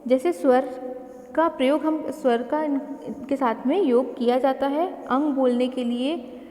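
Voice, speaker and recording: Woman teacher, high voice, measured delivery, reverberant room; grammar lesson. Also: darkish tone. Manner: slow, careful explaining with spoken examples and self-corrections. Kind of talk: classroom lesson explanation. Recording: long reverb.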